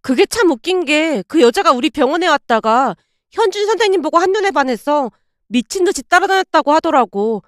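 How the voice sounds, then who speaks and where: A woman's voice: sits high, animated, fairly quick, dry recording, clean studio sound. A woman voicing a chatty female nurse colleague who passes on gossip in a knowing, confiding tone.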